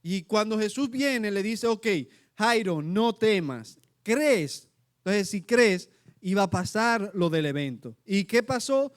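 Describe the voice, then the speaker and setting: A middle-aged man preaching a sermon, animated, acting out the lines he quotes. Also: sits high, a little slow, smooth.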